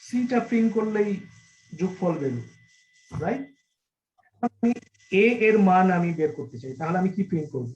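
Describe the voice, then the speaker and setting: A teacher leads an online programming class in a mellow, warm voice at a middling pitch. The explanation piles up several synonyms for each idea and keeps stopping to ask the class whether it follows. The audio is dull and lo-fi. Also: sing-song, normal speed, long pauses. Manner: asks the class frequent check questions.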